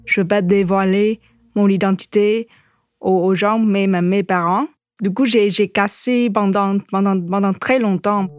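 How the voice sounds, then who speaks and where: A woman's voice: medium pitch, steady tone, a little slow, no room sound. A woman from Southeast Asia giving a personal testimony in a hesitant way, often restarting and repeating words. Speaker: interviewee.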